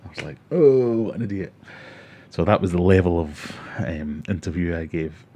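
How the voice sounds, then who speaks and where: With a low, mellow voice and lively intonation, this Scottish host speaks at a moderate pace. He's in his forties, has a Glaswegian accent, and chats casually on his livestream, reading comments and joking about himself in his stories.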